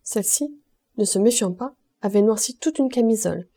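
A woman reading a classic novel aloud in steady, measured narration. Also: on the high side, slightly rough. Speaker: audiobook reader. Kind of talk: scripted literary narration.

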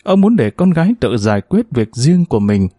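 A man narrating a story in a steady, expressive way. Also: mid-range voice, fairly quick, no room sound, clean studio sound.

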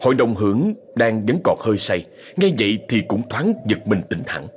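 A man's voice: fairly low pitch, moderate pace, slight background noise. A man narrating a ghost story dramatically. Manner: dramatic, expressive.

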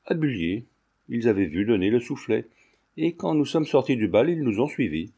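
A man's voice: mid-range voice, sing-song, moderate pace, dark tone, breathy edge. A man voicing an earnest young man who speaks defensively, in a storybook reading.

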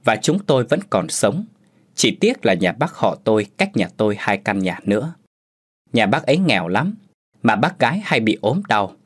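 A man narrating a first-person story as a storyteller in scripted narration, with lively, expressive delivery. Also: on the low side, normal speed, slightly rough.

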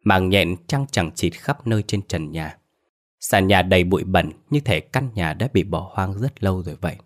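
A man with a very deep, low voice reads a scripted ghost story aloud. His delivery is steady and measured, unhurried from line to line. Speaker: narrator.

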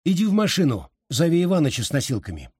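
Man doing a tired, brisk ambulance doctor. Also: on the high side, wildly swooping pitch, a little mellow, husky, no room sound, clean studio sound, pitched above the performer's own voice, heavily acted. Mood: businesslike. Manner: brisk commands.

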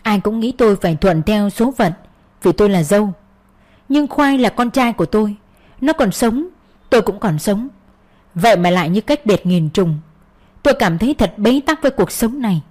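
A woman's voice: medium pitch, lively intonation, a little fast, a little mellow. A woman narrating a first-person story in an earnest, sorrowful reading style. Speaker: audiobook narrator.

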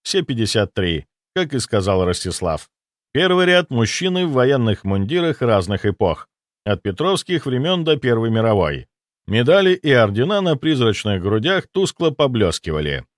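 A man narrates a first-person fantasy audiobook in a lively voice that swings freely up and down. His wry, deadpan asides sit close on a studio mic. The sound is dry, with no room behind it. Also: medium pitch, moderate pace, no echo.

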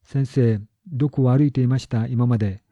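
A man reading the lines of a lively, sharp-tongued young woman in a story, with brisk, pert delivery. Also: medium pitch, dry recording, natural voice. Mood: coaxing. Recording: dull lo-fi recording.

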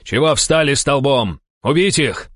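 A man voicing a furious, ruthless count in an audiobook, shouting and snarling. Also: medium pitch, animated, unhurried, no room sound, clean studio sound, pitched above the performer's own voice.

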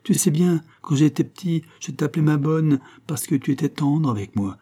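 A man's voice: fairly high pitch, moderate pace, dark tone, husky, pitched above the performer's own voice. A man reading as a moody young count. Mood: coaxing.

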